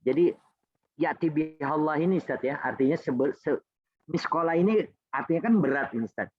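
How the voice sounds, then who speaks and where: A man in a study session offering a thoughtful reflection, speaking haltingly and often pausing to find his words. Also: fairly high pitch, no echo, dull audio. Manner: thoughtful and halting, with fillers and restarts.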